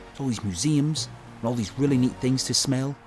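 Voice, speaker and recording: A man's voice: medium pitch, brisk, natural voice. A man voicing an easygoing dog that narrates a road trip, in a chatty, playful documentary narration. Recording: music underneath.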